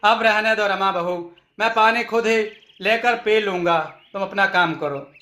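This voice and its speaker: A man voicing a kindly, patient father-in-law in a storybook tale, speaking gently. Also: high voice, unhurried. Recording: echoey room.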